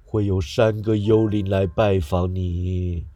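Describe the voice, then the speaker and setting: Slow, solemn ghost dragging his chains, voiced by a man for a storybook reading. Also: deep voice, fairly even intonation, warm tone, no room sound, pitched below the performer's own voice. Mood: lamenting. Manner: slow, drawn-out, heavy delivery.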